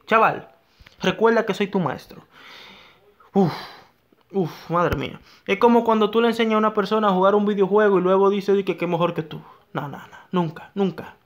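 A young man giving excitable live gameplay commentary, talking to himself and his viewers and repeating his phrases. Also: sits high, brisk. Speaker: gaming YouTuber.

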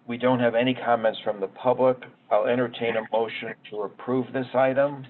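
A man acting as committee chair over a teleconference line, reading formal procedure in a measured way. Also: medium pitch, steady tone. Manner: measured, reads set phrases. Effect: heard over a teleconference line. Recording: tinny phone-line sound, faint noise.

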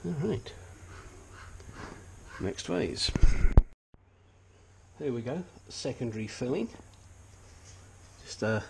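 In a noisy, cluttered home garage, a gravelly-voiced older man restores engines as a hobby and talks through the job in a blunt, chatty, self-deprecating way. His medium-pitched delivery is slow and expressive, broken by long pauses, and his nose sounds sniffly.

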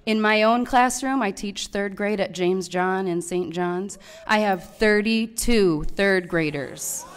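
A teacher in her thirties reads a prepared public comment at a podium microphone in a large meeting hall. She speaks slowly at a medium pitch, earnest and pleading, rising to loud emphasis.

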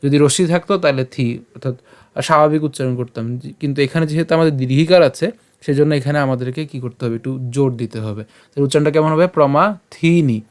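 A man teaching how to pronounce scripture verses, breaking words into syllables and chanting them slowly. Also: mid-range voice, a little mellow, clean tone. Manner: slow, syllable-by-syllable drilling of verses. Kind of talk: slide-based pronunciation lesson.

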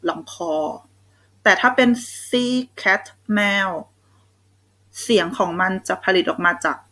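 A young Thai woman teaches children English phonics, slowly sounding out each letter and praising them as she goes. Her medium-pitched voice is bright and forceful, though the recording is rough. It's a patient, unhurried phonics lesson for kids.

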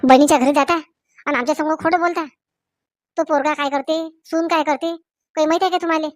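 A sharp-tongued village mother-in-law, played by a woman, nagging and scolding in a Varhadi Marathi accent. Her voice is high and the recording is dry. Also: fairly even intonation, quick pace, no room sound, close to an everyday voice. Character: nagging middle-aged mother-in-law Shanti. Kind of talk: comedy sketch acting.

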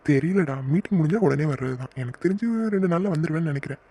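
A man's voice: on the high side, quick pace, warm tone. A man voicing a teasing young male friend in a cartoon who banters stubbornly. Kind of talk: cartoon voice acting.

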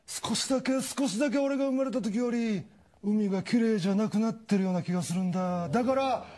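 A man voicing a brash, cheerful male cartoon sea turtle who teases people and shouts his lines. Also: high-pitched, fairly quick, natural voice. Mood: gentle. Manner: boisterous, teasing, shouty. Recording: studio audience laughter behind.

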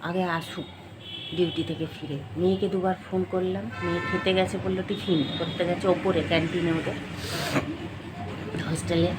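A woman's voice: fairly low pitch, little pitch movement, moderate pace, very noisy. A middle-aged woman chatting to her viewers in a casual home vlog, confiding and talkative. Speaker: home vlogger. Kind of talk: casual daily-life vlog talking to viewers. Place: home kitchen indoors.

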